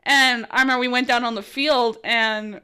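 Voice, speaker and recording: Bubbly young woman, smooth higher voice. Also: normal speed. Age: young adult. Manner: chatty and excitable, lots of "like" and "oh my gosh", quotes herself. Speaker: podcast host and college sports broadcaster. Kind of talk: casual storytelling monologue.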